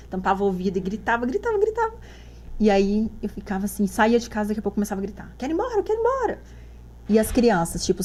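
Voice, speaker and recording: A woman, a mother guest on a podcast, telling her story in casual chat and acting out the dialogue she quotes. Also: mid-range voice.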